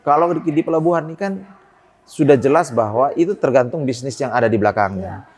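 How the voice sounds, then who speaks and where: A man's voice: expressive, fairly quick, darkish tone. Hesitant man rising to emphatic points. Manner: many hesitations, rises in pitch when making a point. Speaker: port business guest. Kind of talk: interview answers.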